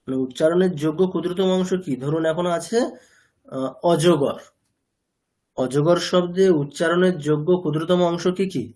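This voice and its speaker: Guy teaching a class, kinda high voice, patient, keeps quizzing students, drops in english words. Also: normal speed, long pauses, a little mellow. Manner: mixes English words into his talk. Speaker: language teacher. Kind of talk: classroom lecture.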